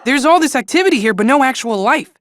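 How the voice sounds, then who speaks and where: An actor playing a cheerful, naive boy angel hero in a video game, earnest and excitable. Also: extremely high pitch, quick pace. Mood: puzzled, earnest.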